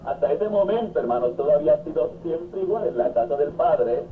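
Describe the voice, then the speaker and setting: Male preacher, dramatic storyteller, lively and fairly high voice, tinny 1970s tape with faint hiss. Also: a little fast. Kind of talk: sermon.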